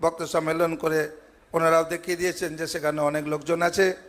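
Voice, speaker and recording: A man's voice: on the high side, level tone, fairly quick, a bit bright. A monk preaching a devotional sermon at a large ashram gathering, earnest, stacking his points in repeated parallel phrases. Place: large ashram assembly hall. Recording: long hall reverb.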